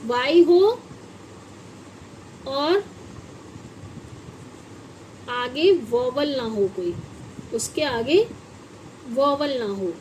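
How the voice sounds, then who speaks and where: High-voiced woman teaching phonics slowly. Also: expressive, a little mellow, a little hiss or hum, rough recording. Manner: asks children questions and spells words letter by letter. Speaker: English teacher. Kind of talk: classroom phonics lesson.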